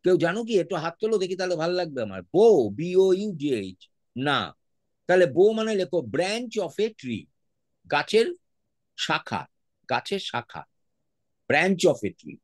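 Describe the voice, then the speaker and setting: Lively Bengali-accented man teaching a class. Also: on the high side, normal speed, pauses often, no room sound. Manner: patient, spells words out letter by letter; mixes English words into his speech. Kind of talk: online class lesson.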